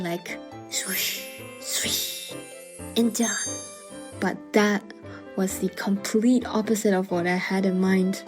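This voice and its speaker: A woman narrating a scripted personal story as a voice-over, with wry, self-deprecating and dramatic asides. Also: medium pitch. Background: music behind the voice.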